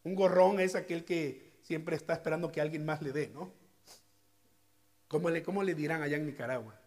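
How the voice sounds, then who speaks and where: Mexican pastor with a high, dynamic voice. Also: male voice, normal speed. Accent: Mexican Spanish. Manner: dynamic, swings from hushed to loud exclamations. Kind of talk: sermon with closing prayer. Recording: faint music behind.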